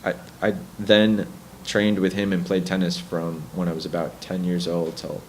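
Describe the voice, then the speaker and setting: Young male musician guest, very low voice, relaxed and reflective, faint background hiss. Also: moderate pace, rough recording. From Bronx, New York. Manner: relaxed, reflective storytelling with hesitant restarts. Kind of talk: casual interview chat.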